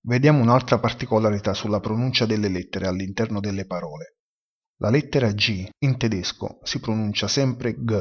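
A man teaching a language lesson, explaining pronunciation and sounding words out slowly and deliberately. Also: lowish voice, slightly rough. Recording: dull lo-fi recording.

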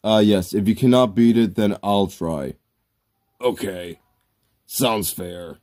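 A man's voice: lowish voice, slow pace, darkish tone. A man voicing a smug, teasing male monster with fire breath, dry and mocking in a comic gaming sketch. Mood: calm.

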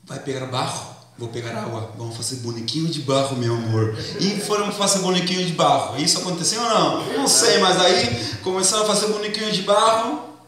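A man's voice: sits high, fairly quick, a bit bright. A man preaching a sermon in church in a casual, slangy way, quizzing the congregation and acting out comic scenes. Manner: acts out comic skits. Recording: echoey church hall, distant mic.

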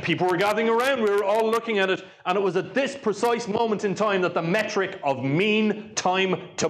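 A man's voice: high-pitched, a bit bright. A man with an Irish accent giving a lightning talk at a tech meetup, telling stories in a dry, joking way. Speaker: conference speaker.

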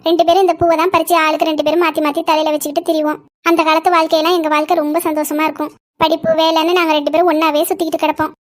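A woman voicing a fierce, protective village mother-in-law who scolds fast in a cartoon. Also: high-pitched, level tone, lightly acted. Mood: scolding. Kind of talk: cartoon voice acting.

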